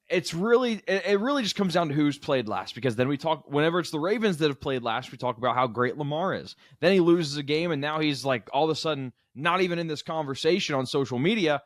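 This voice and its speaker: A young man chatting on a sports podcast with a slightly high, bright-sounding voice. He is animated and laughs a lot, cutting himself off mid-thought. The close mic sounds dry, with no room echo. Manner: animated, laughs often, self-interrupting. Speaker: podcast co-host. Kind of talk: casual sports podcast banter.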